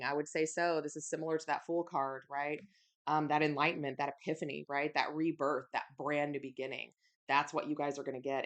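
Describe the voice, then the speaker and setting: A woman giving a casual tarot love reading to her viewers, chatty and reassuring, often checking in with "okay?" and "right?". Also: deep voice. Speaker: tarot reader.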